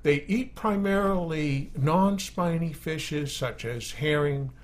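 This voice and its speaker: A man with a Maine accent presenting an informal podcast in a folksy, somewhat halting way. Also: on the high side. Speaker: podcast host. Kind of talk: informal podcast presenting with weather and nature segments.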